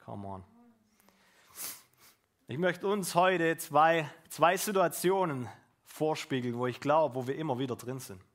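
A man with a high voice preaches a sermon. He talks to the congregation in a casual way, with lively asides and questions. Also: normal speed. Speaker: pastor.

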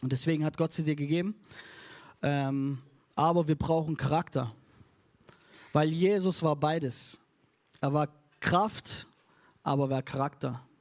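A man delivers a sermon to his congregation in a church hall. His voice sits fairly high for a man. His delivery is casual and upbeat, with English phrases slipped in, and he leads the room in call and response. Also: a little slow, pauses often, a little mellow. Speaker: pastor.

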